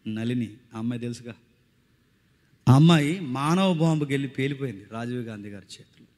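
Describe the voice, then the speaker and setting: A man preaching a sermon at a village youth meeting, swinging from loud exhortation to hushed storytelling. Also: medium pitch, a little fast. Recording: long hall reverb.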